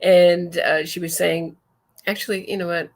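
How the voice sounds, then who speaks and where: Hosting a true crime podcast, this woman speaks in a lowish, level voice at a moderate pace. She reads listener messages out loud and remarks on them casually, frequently digressing and fixing her own wording along the way.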